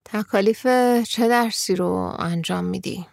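A woman's voice: mid-range voice, gravelly, darkish tone, dry recording. A woman reading a weary grown man. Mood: wry. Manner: dry, dismissive, mildly patronizing. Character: weary grown man, older than the girl.

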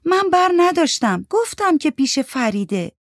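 A woman voicing a nervous young woman who talks in a quick, defensive and pleading way. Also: sits high, sing-song, no echo, clean studio sound, pitched above the performer's own voice.

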